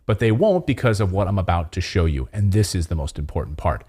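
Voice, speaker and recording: Animated, conspiratorial male news commentator. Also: deep voice, fast, breathy edge. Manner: conspiratorial, alarmed distrust of officials and media; sarcastic, mocking asides. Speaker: host of a political commentary show. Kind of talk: opinionated news commentary to camera.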